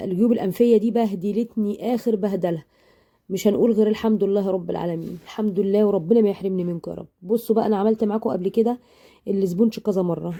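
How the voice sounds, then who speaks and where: A woman with an Egyptian accent, still a little hoarse from illness, chatting affectionately while teaching a baking tutorial. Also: mid-range voice, mellow. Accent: Egyptian Arabic. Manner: chatty and affectionate, rambling asides. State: hoarse after sinus illness. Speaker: baking channel host. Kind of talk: casual cooking tutorial.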